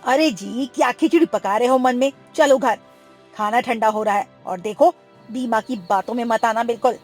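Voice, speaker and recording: A woman's voice: fairly high pitch, moderate pace, a little mellow, faint music behind, lightly acted. A woman doing an anxious, pleading village wife. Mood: nagging.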